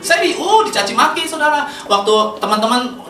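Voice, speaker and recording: Brief: chatty Jakarta-accented woman preacher, bright lively voice, echoey church hall with faint music. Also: high-pitched, fairly quick, far from the mic. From Indonesia. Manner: chatty, laughs often, lively. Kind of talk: sermon.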